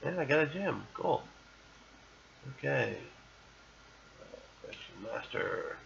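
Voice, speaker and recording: A man with a low, very gravelly voice talks his way through an old online game, reading its messages aloud and boasting with playful bravado. The sound is muffled and lo-fi, with a faint hiss underneath. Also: sing-song, takes it slowly, a bit bright. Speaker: podcast host. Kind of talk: casual gameplay commentary.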